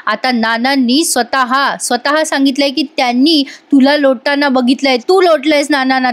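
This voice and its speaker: A woman's voice: high-pitched, close to an everyday voice. A woman voicing a stern older mother-in-law who scolds and begs forgiveness by turns, in a plain retelling.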